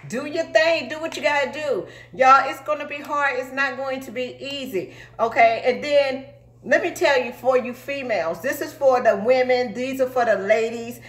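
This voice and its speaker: Speaking at a moderate pace in a reverberant space, a woman in her forties with a high, fairly bright voice motivates viewers emphatically. She works as a truck driver and recruiter and keeps asking "okay?".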